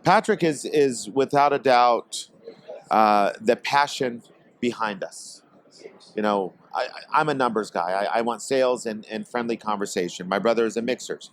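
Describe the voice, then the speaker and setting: A man from Portland, Oregon, guest on a podcast, speaking hesitantly with many pauses and fillers. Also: medium pitch. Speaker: guest, tobacco company executive. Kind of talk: casual podcast interview. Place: trade expo.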